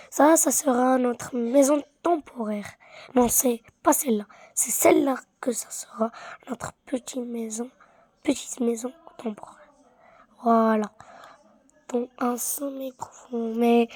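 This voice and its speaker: A woman's voice: fairly high pitch, slow pace, dark tone, husky, no room sound. A woman giving casual gameplay commentary, muttering half-whispered asides to herself, repeating words and sounding easily bored. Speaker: gaming streamer.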